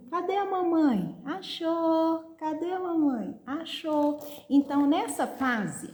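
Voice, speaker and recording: A Brazilian woman with a slightly high voice explains a topic to parents in a didactic live-stream style. She checks in with her listeners again and again. The sound is roomy, with a clear echo. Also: darkish tone. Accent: Brazilian Portuguese. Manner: didactic, frequent "né?" and "tá bom?" check-ins. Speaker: pediatric occupational therapist. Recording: echoey room.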